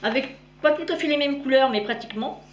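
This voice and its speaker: Her voice high and fairly quick, a cross-stitch vlogger chats loosely through her show-and-tell, often revising what she's saying partway through and calling her audience "girls" with warmth. The sound is echoey, with a little hiss or hum.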